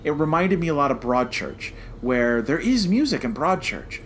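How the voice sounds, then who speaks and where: A man co-hosting a podcast gives an opinionated review in an emphatic way, repeating phrases to drive his points home and checking in with "okay?". His voice is on the high side and very animated at a normal speed, with slight background noise.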